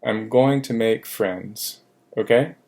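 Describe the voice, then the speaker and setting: Male French teacher, low voice, slow and patient, repeats examples, uses fillers. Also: vocal fry, darkish tone. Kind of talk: recorded grammar lesson.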